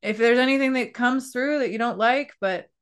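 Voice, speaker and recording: A woman from Maryland hosting a podcast, chatting casually and warmly over a video call, often restarting her sentences. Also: a little high, clean tone. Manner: chatty, friendly, with halting restarts. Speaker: podcast host. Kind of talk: casual chat.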